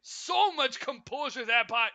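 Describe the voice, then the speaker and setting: A man's voice: very high-pitched, lively intonation, measured pace, bright, forceful tone. A man hosting a football watchalong, giving live commentary and repeating phrases as he puts questions to his viewers. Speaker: football watchalong livestream host.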